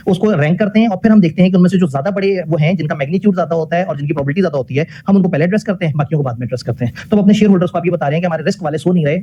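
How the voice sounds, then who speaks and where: A man's voice: a little high, mellow, husky, dull audio. A man giving a classroom lecture. He puts questions to the class, answers them himself, and mixes English technical phrases into his talk.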